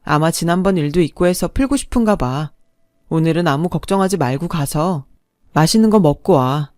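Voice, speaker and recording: Brief: woman voicing a calm young man who reassures his partner, lower and softer, dry. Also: moderate pace, no echo. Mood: reassuring. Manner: soothing, gentle. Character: reassuring young adult boyfriend.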